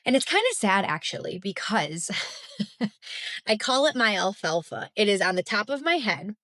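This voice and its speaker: A woman's voice: mid-range voice, very animated, moderate pace, a bit bright. A woman in her thirties hosting a solo podcast, talking casually and upbeat, with many fillers and frequent laughs. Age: 30s. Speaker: podcast host and health coach.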